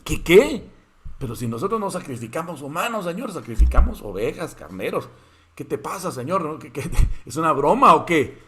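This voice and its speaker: Guy doing a high-pitched, worried old patriarch, pleading and flustered. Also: sing-song, normal speed, fairly bright tone. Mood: shocked.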